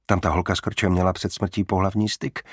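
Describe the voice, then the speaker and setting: A man's voice: low voice, flat delivery, breathy edge, no echo, studio quality. A man reading an audiobook, voicing a bold, sarcastic young woman who pushes for answers. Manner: pushy, sarcastic, quick with comebacks. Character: sharp-tongued, bold young woman sleuth.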